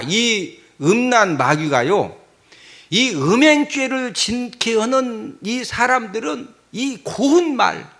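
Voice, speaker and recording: Male pastor, sermon, high voice, swooping lively pitch, comic. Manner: animated, comic, calls out to the congregation.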